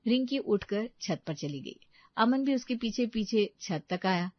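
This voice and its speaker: A woman narrating a scripted cartoon story in a plain, even storytelling delivery. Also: fairly high pitch, a little slow, dry recording, dull audio.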